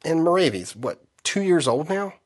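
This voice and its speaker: A man's voice: a little high, sing-song, normal speed, pitched above the performer's own voice. A man voicing a nervous young male army private who whines and stammers in a comedy sketch. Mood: whiny. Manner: whiny, stammering.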